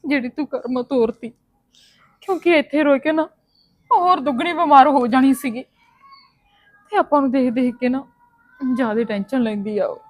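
A woman's voice: sits high, moderate pace, long pauses. An actress playing a grief-stricken mother who is crying and pleading as she laments her missing daughter. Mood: anxious. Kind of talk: Punjabi family drama acting.

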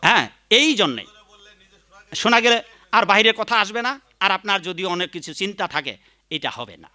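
A man's voice: high voice, lively intonation, normal speed, sharp tone. A man giving a devotional sermon, chanting the mantra between points and scolding critics. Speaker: preacher.

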